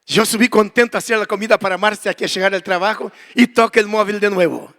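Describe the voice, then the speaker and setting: A man from Brazil, speaking with a Brazilian Portuguese accent, preaches a story-driven sermon in a high voice. He acts out the dialogue, sinks to a hushed prayer and then presses hard on key lines. His voice rings with the long reverb of a church hall. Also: fast talker. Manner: dramatic storyteller, acting out dialogue, swings from quiet prayer to loud emphasis. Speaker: guest preacher.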